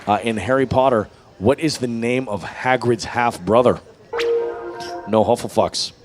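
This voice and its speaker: A man's voice: mid-range voice, a little slow. A man running a pub trivia night in a burger bar, reading questions to teams, laughing and teasing the players. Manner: lively, laughs often, teasing. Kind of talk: reading quiz questions to teams, casual banter. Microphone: microphone at a venue table. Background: music playing.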